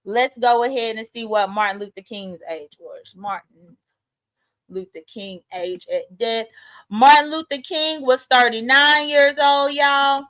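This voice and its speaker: Woman in her late 30s, high voice, blunt and emphatic, vlog commentary. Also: measured pace, fairly bright tone, poor audio. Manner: emphatic, blunt, talks straight to viewers. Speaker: vlogger. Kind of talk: casual commentary monologue.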